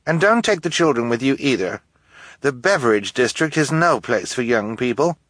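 A man's voice: mid-range voice, lively intonation, moderate pace, fairly bright tone, dry recording, voice pushed up. A man voicing a fashion-obsessed, bossy woman who talks impatiently and haughtily, reading a storybook.

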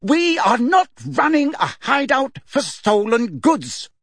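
A man's voice: big pitch swings, slow pace, gravelly, a bit bright, no echo, studio quality, exaggerated voice. A man doing a shrieking angry mother. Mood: furious. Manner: shrill scolding. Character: angry middle-aged mother shouting.

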